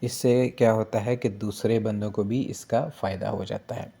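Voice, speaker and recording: A man giving a casual spoken language lesson, going slowly and repeating each phrase with "ठीक है जी". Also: fairly low pitch, fairly even intonation, vocal fry, dark tone, breathy edge. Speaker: language teacher.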